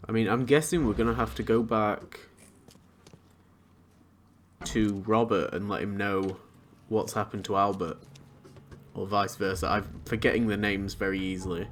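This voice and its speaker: A man's voice: on the low side, fairly even intonation, moderate pace, slight background noise. A man giving informal let's play commentary, thinking aloud and swearing casually. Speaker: gamer, let's play host.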